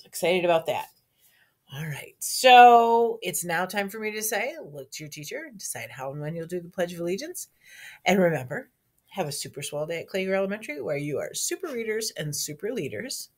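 A woman with a slightly low, hoarse morning voice reads the school morning announcements to a camera. She talks in a friendly, chatty way aimed at young children. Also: expressive, normal speed. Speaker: school staff member giving announcements. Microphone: speaking to a camera.

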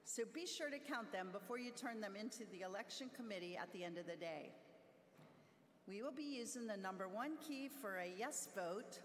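A woman's voice: mid-range voice, animated, moderate pace. Upbeat middle-aged woman at a podium mic, big hall echo, faint noise. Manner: upbeat, laughs between instructions. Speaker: convention presenter. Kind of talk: podium speech at a convention. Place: large convention hall stage. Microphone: podium microphone. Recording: long hall reverb, faint crowd noise.

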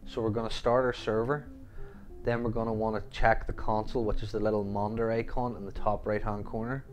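Low-voiced Northern Irish tutorial host. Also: male voice, level tone, a little fast, soft background music. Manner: step-by-step, repeats "gonna wanna". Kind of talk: screen-recorded tech tutorial narration.

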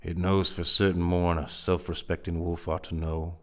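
A man's voice: deep voice, flat delivery, normal speed, fairly bright tone. A man reading as laconic dry trail partner Henry. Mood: agreeing. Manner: terse folksy drawl, dry understatement. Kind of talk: dramatic reading.

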